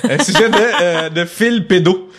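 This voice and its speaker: A man's voice: high-pitched, noisy background. A man in his thirties with a Québécois French accent, a podcast co-host who jokes around and brings up topics in casual chat. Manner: quick, jokey, introduces topics.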